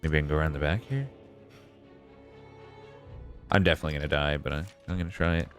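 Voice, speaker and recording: A man doing casual live game commentary, thinking out loud and answering viewers as he plays. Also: extremely low pitch, fast talker. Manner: reads and answers viewers' messages aloud. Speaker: game streamer. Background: game music.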